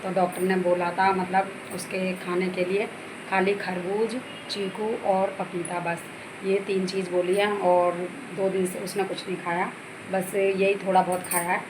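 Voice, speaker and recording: A woman's voice: fairly low pitch, flat delivery, measured pace. A middle-aged woman and mother chatting casually to viewers from her home kitchen, repeating herself and calling them guys. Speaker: vlogger, mother. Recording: noisy home phone recording.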